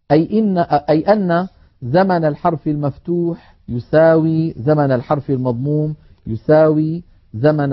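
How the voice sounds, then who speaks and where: Guy teaching quran recitation, kinda high voice, calm and careful, dull lo-fi audio. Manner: measured, explanatory, chants example words slowly. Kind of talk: televised recitation lesson.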